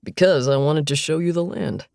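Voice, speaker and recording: A woman voicing a gruff, teasing male rancher in an audiobook. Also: deep voice, moderate pace, darkish tone, dry recording, clean studio sound. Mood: calm.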